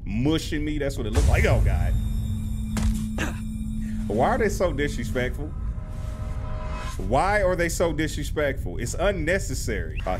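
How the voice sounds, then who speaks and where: A young man commentating a horror game, playfully trash-talking the enemies. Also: mid-range voice. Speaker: gaming commentator.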